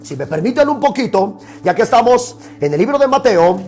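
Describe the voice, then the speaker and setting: A man's voice: very high-pitched, big pitch swings, fairly quick, a little mellow, faint music behind. A man preaching a sermon as pastor, emphatic, asking rhetorical questions and repeating key phrases.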